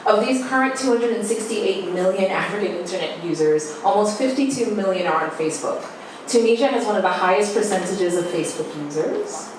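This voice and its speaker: A woman presenting a scripted opening and reading statistics in a measured way at a live event. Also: medium pitch, animated, noisy background. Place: large echoey event room indoors. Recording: echoey hall from far off.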